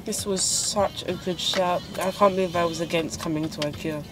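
A woman's voice: lowish voice, steady tone, moderate pace, music in the background. A young woman, chatting casually and teasing while vlogging from a car. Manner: chatty, laughs often, teasing. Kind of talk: casual vlog chat. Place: inside a car, later a bedroom.

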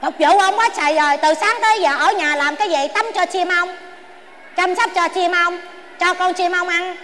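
A woman with a Southern Vietnamese accent playing a stubborn elderly wife in a stage comedy sketch, whiny and quick-tongued. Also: extremely high pitch, steady tone, bright, forceful tone, slight background noise. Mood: bickering.

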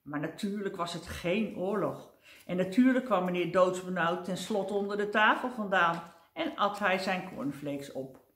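An older woman reading a children's storybook aloud in a gentle, expressive way, with the odd slip over a word. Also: fairly low pitch, normal speed, roomy sound.

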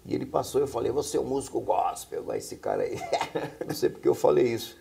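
In a small studio, a middle-aged Bahian man who is a pastor and singer shares his life story earnestly, frequently using tag questions. His voice is medium-pitched, gravelly and warm, animated and fairly quick.

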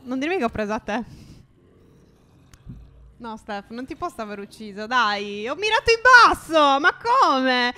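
A woman's voice: sits high, very animated, unhurried, long pauses, pushed and bright. A young woman playing a video game with a friend, giving orders and scolding him playfully. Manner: bossy, planning, scolds her partner. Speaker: gaming YouTuber. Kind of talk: playful gameplay banter.

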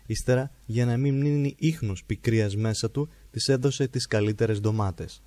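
A man calmly narrating a biography in a slow, measured, reverent reading. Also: mid-range voice, no room sound. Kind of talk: calm biographical narration of a holy man's life.

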